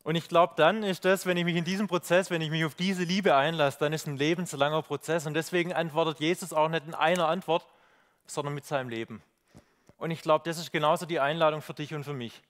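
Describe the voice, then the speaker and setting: A man preaching a reflective sermon with slides, pausing on fillers and asking rhetorical questions. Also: on the high side, steady tone, fairly bright tone.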